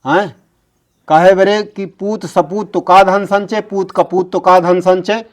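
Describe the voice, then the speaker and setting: A man's voice: high-pitched, steady tone, slow. A man playing an exasperated village family man in a comedy sketch, scolding emphatically with an Awadhi accent.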